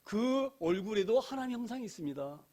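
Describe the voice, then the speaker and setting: Middle-aged male pastor, high voice, emphatic church sermon full of rhetorical questions and repeated phrases. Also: big pitch swings, brisk, dark tone. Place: church sanctuary.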